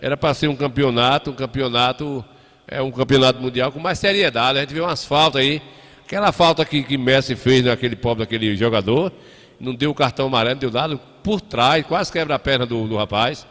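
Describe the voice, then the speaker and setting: A man's voice: medium pitch, brisk, fairly bright tone. A middle-aged man hosting a live show in a folksy, chatty way, calling his listeners compadre. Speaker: radio host. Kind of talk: casual live chat. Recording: echoey hall.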